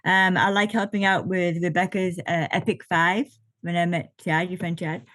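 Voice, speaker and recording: With a lowish, slightly bright voice and a level tone at normal speed, a woman in her late fifties chats casually as a podcast guest. She's an ultra triathlete talking over a video call, laughing often and using plenty of fillers, with no room sound.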